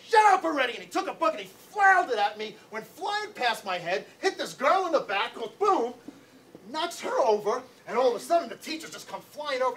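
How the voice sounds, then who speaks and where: A middle-aged man, an anti-bullying educator, telling a personal story to schoolchildren in an animated, conversational way. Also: very high voice. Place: classroom or school hall. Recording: distant mic, faint room noise.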